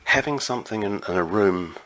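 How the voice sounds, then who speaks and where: A man answering interview questions about his writing in a relaxed, measured way, often pausing with an um. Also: fairly low pitch, dry recording. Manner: measured, explanatory, with frequent ums. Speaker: interview guest, writer on magic.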